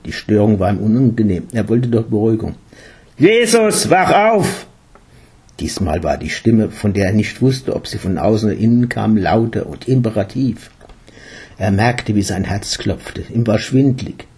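A man narrating an audiobook in a calm, measured and unhurried way, with a husky voice. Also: fairly low pitch.

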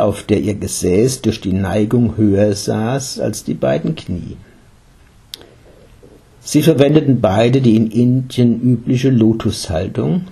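A man reading an audiobook with a husky, slightly breathy voice at a medium pitch. His delivery is calm, measured and unhurried, keeping an even storytelling flow. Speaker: narrator. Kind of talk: audiobook narration.

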